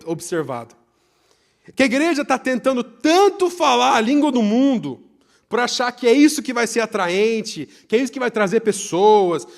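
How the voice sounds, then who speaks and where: A young Brazilian man preaching a live sermon in church, swinging between loud emphasis and hushed asides. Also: high-pitched. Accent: Brazilian Portuguese.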